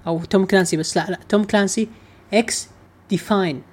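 A man's voice: sits high, fairly even intonation, rapid-fire, husky. A man co-hosting a casual gaming chat, ranting in an exasperated, emphatic way. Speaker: gaming podcast co-host.

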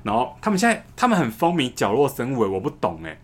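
A man, telling a story in a casual podcast chat, fast, repeating words and laughing often. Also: medium pitch, sing-song. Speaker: podcast co-host.

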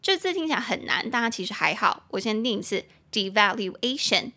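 Brief: young woman teacher, slightly high voice, slow spelling, chatty playful asides. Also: sharp tone. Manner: spells words out slowly, shifts between English and Mandarin. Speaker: English teacher and podcast host. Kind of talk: bilingual vocabulary lesson podcast.

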